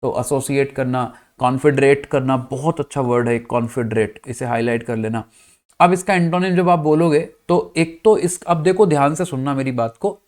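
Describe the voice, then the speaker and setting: Indian man teaching vocabulary. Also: a little high. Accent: Indian English. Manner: addresses students as "bachcha party", checks "clear?"; spells words out letter by letter. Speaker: English teacher. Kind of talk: vocabulary lesson in Hindi with English terms.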